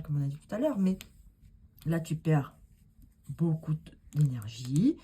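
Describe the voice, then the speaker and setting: A woman's voice: sits low, dark tone, breathy edge. A woman doing a casual tarot card reading, talking straight to the viewer in an encouraging, rambling way. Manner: rambling, with many fillers and asides.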